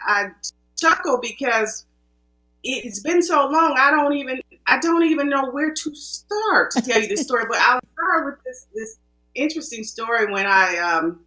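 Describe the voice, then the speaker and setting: Chatty woman guest with a bright voice. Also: high-pitched, expressive, measured pace, echoey room, rough recording. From American Midwest. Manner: chatty, self-interrupting storyteller. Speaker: guest film producer. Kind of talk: casual interview talk.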